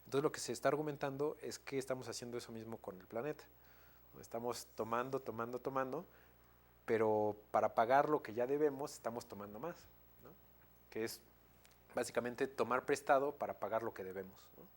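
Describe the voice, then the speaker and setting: A man's voice: medium pitch, fairly quick. A man in his thirties with a Mexican accent giving an academic lecture, hesitant, with many fillers, restarts and tag questions. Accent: Mexican Spanish.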